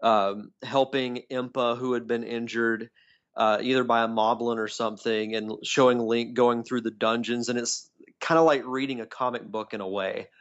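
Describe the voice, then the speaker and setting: A man's voice: mid-range voice, fairly even intonation, normal speed. A man co-hosting a podcast in casual, enthusiastic chat, heard through a tinny, metallic-sounding phone line. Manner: enthusiastic, rambling fan talk. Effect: tinny, metallic tin-can phone-line sound. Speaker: podcast co-host. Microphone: phone call.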